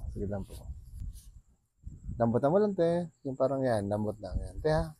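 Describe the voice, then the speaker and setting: A man's voice: medium pitch, very animated, moderate pace, mellow, no echo. A Filipino man working as a bone setter, talking a client through treatment in a soothing, coaxing way with frequent laughs. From Philippines.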